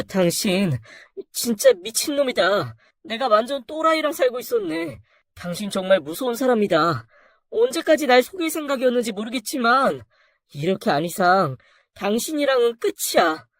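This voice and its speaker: A storyteller voicing a wife who confronts her husband, raising the voice high and urgent. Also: sing-song, moderate pace, dry recording, studio quality, lightly acted. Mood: indignant. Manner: urgent, indignant. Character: shocked, betrayed wife.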